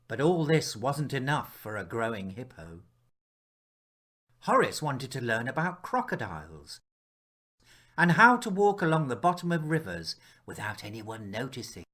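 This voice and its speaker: With a slow, leisurely delivery, a male author reads his children's story aloud from his picture book. He varies his pitch in a lively manner and leans on dramatic pauses and softly hushed moments.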